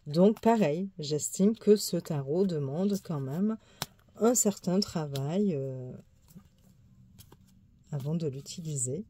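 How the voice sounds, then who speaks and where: A woman's voice: low voice, animated, takes it slowly, pauses often, dark tone, a little hiss or hum. A woman tarot YouTuber chatting casually as she shows and reviews her card decks, easygoing and full of small asides. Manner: chatty, easygoing, many fillers and small laughs. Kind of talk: casual show-and-tell deck review.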